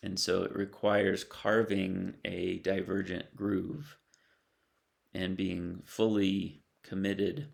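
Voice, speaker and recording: A middle-aged man speaks in an unhurried, reflective way with a deep voice. His gravelly tone stays flat and even. He leaves long pauses between phrases. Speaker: spiritual teacher. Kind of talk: slow reflective talk.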